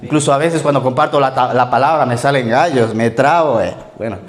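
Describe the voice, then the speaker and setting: A man in his thirties preaching a relaxed, conversational sermon in a church, joking and often checking in with "ok?" and "right?". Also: medium pitch, fairly quick. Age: 30s. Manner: joking, frequent "¿ok?" and "¿verdad?" tag questions. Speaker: pastor.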